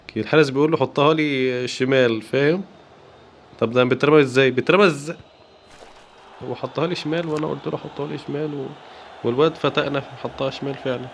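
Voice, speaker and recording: A man with an Egyptian accent giving excited, playful commentary while playing a football video game. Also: mid-range voice, quick pace, pauses often, a little hiss or hum. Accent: Egyptian Arabic. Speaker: gaming YouTuber. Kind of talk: live gameplay commentary.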